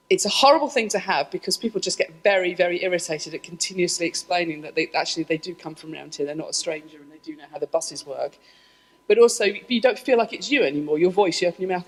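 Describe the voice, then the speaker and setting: A middle-aged woman, a scientist, giving a lively conference talk to an audience, with self-deprecating asides. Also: on the low side, poor audio. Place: lecture room.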